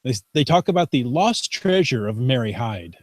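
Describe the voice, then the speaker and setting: Man, podcast co-host, lively pitch, dry close mic, chatty, playful asides. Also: normal speed, no room sound. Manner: chatty, reads news aloud with playful asides. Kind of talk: casual podcast chat. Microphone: video call.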